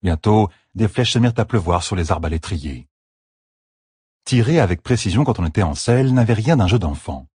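A man narrating a fantasy battle audiobook with steady, dramatic storytelling. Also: fairly low pitch, moderate pace, husky, dry recording, clean studio sound.

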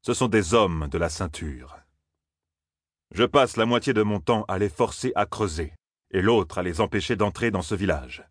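A flattering, calculating captain, read by a male narrator who probes with courteous words. The voice is very deep and husky, and the recording is dry and close. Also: normal speed, no echo. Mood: probing. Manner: smooth, courteous and probing.

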